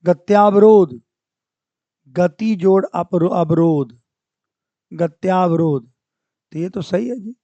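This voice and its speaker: A man with a fairly high voice teaches spelling for exam practice and says each word over and over as he corrects it. He talks at an unhurried pace and clears his throat now and then. The recording is dry and close. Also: mellow, no echo, lo-fi sound. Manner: slow and repetitive, saying each word several times and correcting it. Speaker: Hindi grammar teacher. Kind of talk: exam-prep lesson, working through spelling questions.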